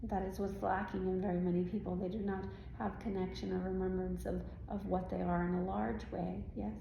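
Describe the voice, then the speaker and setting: The creaky, medium-pitched voice of a woman, fairly quick, flat, and near everyday, comes through dull, roomy audio with faint noise from an indoor live event. As a trance channeler she voices a serene spirit guide, offering instructive spiritual guidance to audience questions in stilted, formal phrasing with frequent questioning tags.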